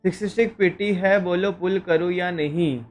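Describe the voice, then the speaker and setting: Young man, Indian accent, game streamer, very slow rambling chat, slightly high voice, faint music behind. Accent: Indian English. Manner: mixes Hindi and English, rambling, restarts often. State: struggling to speak smoothly. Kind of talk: casual live-stream chat. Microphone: headset taken off.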